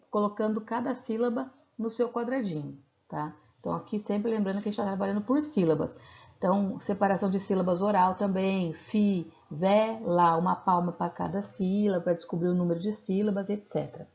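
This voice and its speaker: A woman's voice: mid-range voice, creaky, a little mellow. A woman teacher with a Brazilian accent explaining a lesson patiently in a recorded video lecture, often checking in with little tag questions. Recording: slightly dull lo-fi recording.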